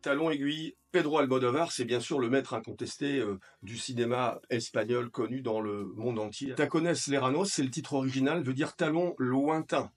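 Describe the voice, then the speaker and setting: A man presents films in an informal, explanatory way. His voice sits at a medium pitch and he sounds keen on his subject. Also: fairly even intonation, moderate pace, hardly any pauses, breathy edge. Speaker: film channel presenter. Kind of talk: informal film commentary.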